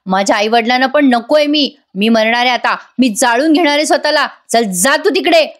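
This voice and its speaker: Woman playing a shrill wailing drama-queen girl, desperate and over the top. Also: normal speed, natural voice. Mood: hysterical. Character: hysterical melodramatic young woman, desperate.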